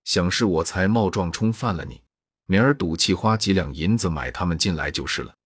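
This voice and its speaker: A man reading the lines of a young maid who is gentle but sharp-tongued, in a soft, wry, reproachful way. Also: deep voice, expressive, brisk, husky, no echo, clean studio sound.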